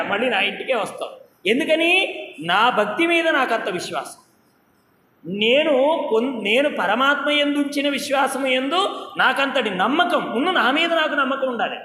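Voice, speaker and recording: A man's voice: very high-pitched, bright, forceful tone, slight background noise. A man giving a devotional discourse, telling stories and asking the audience questions. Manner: storytelling, asks the audience questions. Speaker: religious speaker. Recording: echoey hall with faint ambience.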